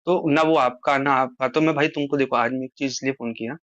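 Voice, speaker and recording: On a muffled, lo-fi recorded phone call, a man with a mid-range, slightly bright voice speaks fairly quickly with fairly even intonation and no echo. He talks casually and at length, explaining his side and appealing to the listener.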